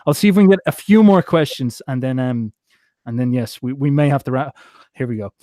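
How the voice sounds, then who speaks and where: Male interview host, rambling and musing, mid-pitched voice, dry close sound. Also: brisk, dark tone, no room sound. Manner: rambling, musing, many fillers. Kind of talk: casual interview talk.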